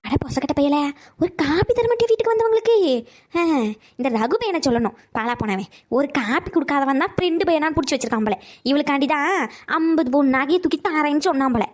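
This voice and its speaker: A woman voicing a sharp-tongued elderly grandmother in a cartoon, mocking and nagging the young men. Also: high voice, animated. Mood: scolding. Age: older. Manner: scolding, mocking, rapid nagging. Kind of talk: cartoon voice acting.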